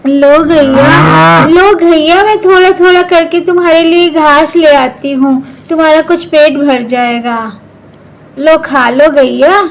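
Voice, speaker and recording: A woman voicing a kind-hearted young woman in a children's doll story, speaking softly and fretfully. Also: sits high, slow pace, a little hiss or hum. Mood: tender. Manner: soft, fretful, tender.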